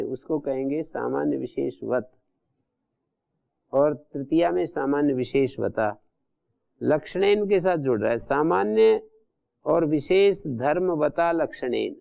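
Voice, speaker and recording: A man delivers a classroom grammar lecture in a fairly high, gravelly voice that stays smooth and resonant. He works through each rule methodically, repeating terms and explaining them one by one. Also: a little mellow. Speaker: Sanskrit grammar teacher.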